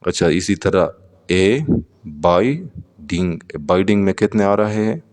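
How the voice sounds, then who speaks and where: A man's voice: low voice, animated, a little mellow, long reverb tail. A man teaching an English lesson, going word by word, repeating terms and asking his students questions. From Pakistan. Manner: slow, repeats words and asks students questions. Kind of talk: classroom lesson explaining vocabulary.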